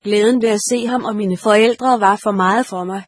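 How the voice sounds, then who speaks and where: A woman narrates a story in a calm, measured way. Her voice is a little husky and sits at a middle pitch. The sound is dry and close, with no room around it. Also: no echo. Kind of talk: scripted narration.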